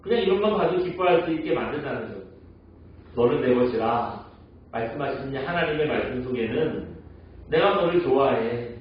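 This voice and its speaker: A man preaching a Sunday sermon as pastor. He tells stories, asks the congregation questions and acts out quoted lines in a softer, slower voice. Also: medium pitch, expressive, a little hiss or hum. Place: church sanctuary. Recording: echoey church hall, mic at a distance, dull sound.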